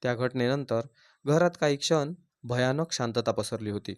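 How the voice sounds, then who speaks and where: A man's voice: medium pitch, normal speed, no room sound. A man narrating a scripted emotional family drama in an earnest, dramatic way. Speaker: storyteller.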